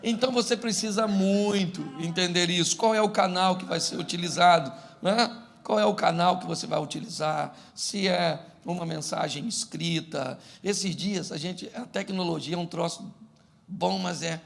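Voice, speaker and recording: A man's voice: high voice, moderate pace, vocal fry. A middle-aged man preaching a humorous sermon as pastor, acting out little scenes of married life. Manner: humorous, animated, acts out domestic scenes.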